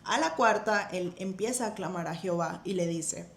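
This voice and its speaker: A woman's voice: normal speed, creaky. A woman with a Venezuelan accent, casually and animatedly retelling a Bible story on a podcast, laughing and acting out quotes. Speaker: podcast host. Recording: echoey room, faint rumble.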